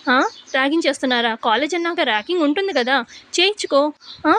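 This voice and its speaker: A woman's voice: high-pitched, animated, fast talker, fairly bright tone. Woman doing a sneering cold young husband. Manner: sneering, sarcastic.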